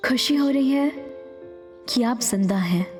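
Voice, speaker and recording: A devoted android assistant, voiced by a woman, calm, polite and precise, with a slightly high voice and an unhurried pace. Faint music lingers in the background. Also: lightly acted.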